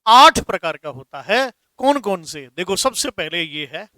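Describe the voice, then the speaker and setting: A man's voice: high voice, sing-song, bright, forceful tone, no echo. A man teaching Hindi grammar in a patient lesson, repeating terms and addressing students fondly. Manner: explains slowly, repeats terms, calls students "beta". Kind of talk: classroom lesson.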